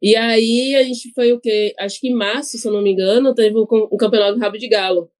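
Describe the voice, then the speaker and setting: A woman's voice: on the high side, steady tone, fast talker, a little mellow. A woman with a Bahian accent, a podcast guest talking casually, laughing often and tagging sentences with questions. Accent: Bahian Portuguese. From Bahia, Brazil. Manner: chatty, laughs often, frequent tag questions. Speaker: podcast guest, cachaça ambassador. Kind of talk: casual chat.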